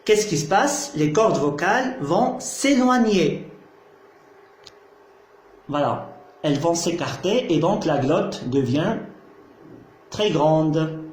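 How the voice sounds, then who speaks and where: In an echoey room, a male teacher lectures slowly and patiently, going back over key terms and making sure his students keep up. He has a fairly high, slightly mellow voice.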